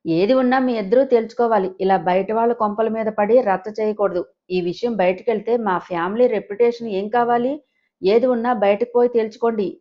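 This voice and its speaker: A woman's voice: on the high side, brisk, dull audio, pitched above the performer's own voice, natural voice. A woman voicing a haughty, scheming middle-aged woman who speaks with indignant scorn.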